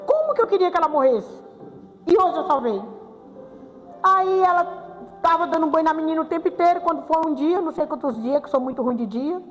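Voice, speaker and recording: A woman's voice: extremely high pitch, animated, fairly quick. An older woman giving an emotional church testimony, often repeating her phrases and pleading to God. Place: church hall with music behind. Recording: long reverb of a church hall.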